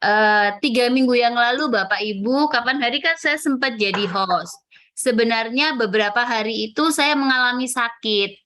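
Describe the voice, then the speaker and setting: Bright-voiced woman in her forties. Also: fairly high pitch. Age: 40s. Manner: chatty storytelling with fillers and acted self-quotes. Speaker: testimony speaker at prayer fellowship. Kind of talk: personal church testimony.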